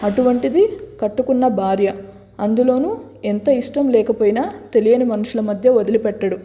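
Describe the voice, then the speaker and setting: Woman storyteller, serialized drama reading, mellow voice, reverberant hall sound. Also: fairly high pitch, moderate pace.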